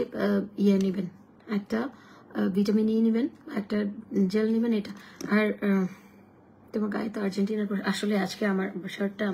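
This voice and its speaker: Hoarse woman, live-stream shop host, chatty, mellow tone, faint background noise. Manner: chatty, addresses viewers directly, switches to sales pitch. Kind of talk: casual live-stream chat with viewers.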